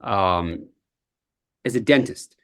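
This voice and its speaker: Low-voiced man. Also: animated, slow pace, clean tone, no room sound, studio quality. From Egypt. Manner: earnest, reflective, frequent "uh" fillers. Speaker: guest, entrepreneur. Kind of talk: podcast interview.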